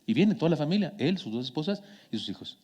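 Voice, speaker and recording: A man with a Mexican accent preaching a sermon as a pastor, telling stories in a conversational way that swings from hushed to emphatic. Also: on the high side, sing-song, fast, slightly rough, lo-fi sound. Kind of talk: sermon with personal storytelling. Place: church sanctuary. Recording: long church hall reverb.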